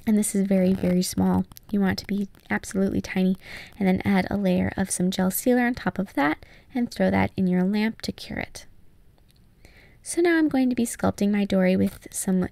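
A woman's voice: mid-range voice, moderate pace, creaky, darkish tone, dry recording. A young woman giving casual, step-by-step tutorial narration as the host. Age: young adult. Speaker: nail art tutorial host.

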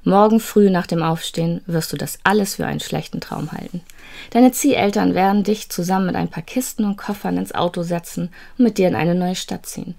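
A woman voicing a cheerful, wise male storyteller in an audio storybook, speaking in a gentle, measured way. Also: fairly low pitch, creaky. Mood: kindly.

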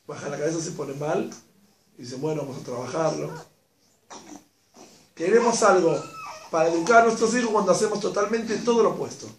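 A man with an Argentine accent giving a religious class to an audience, animated, acting out quotes in a raised voice. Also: high-pitched. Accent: Argentine Spanish. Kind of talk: lively class talk to an audience. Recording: echoey room, mic far off, faint noise.

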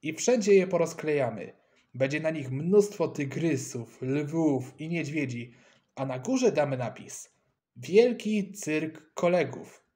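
Man doing an eager, excited schoolboy. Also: fairly high pitch, takes it slowly. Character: eager schoolboy full of plans.

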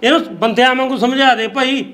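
A man's voice: extremely high pitch, fast, a bit bright. An actor playing a stubborn, complaining old father in a rural family drama. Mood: grumbling. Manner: grumbling, complaining. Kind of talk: rural Punjabi web drama acting.

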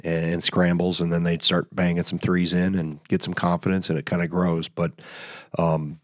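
A middle-aged head coach analyzes the game at a postgame press table. His voice is very deep and flat, his delivery measured, and the sound is dry and close. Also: no room sound. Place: press conference room. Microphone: table mic.

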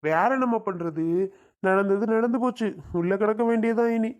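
A man's voice: high-pitched, moderate pace, natural voice. A man playing an exasperated grown son in a family drama skit, answering bluntly.

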